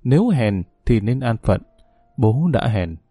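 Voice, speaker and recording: A man doing a weary, gentle aging father. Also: big pitch swings, a little slow, husky, no echo, faint music behind. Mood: bitter. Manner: soft, consoling, low-spoken.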